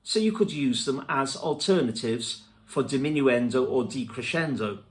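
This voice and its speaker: A man teaching music theory, spelling out terms letter by letter in a slow, deliberate lesson narration. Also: mid-range voice, lively intonation.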